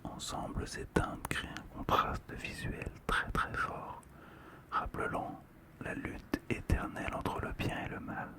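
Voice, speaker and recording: In this ASMR clip, a collectible card is described through soft, unrushed whispering recorded up close on a stereo microphone, with pauses throughout.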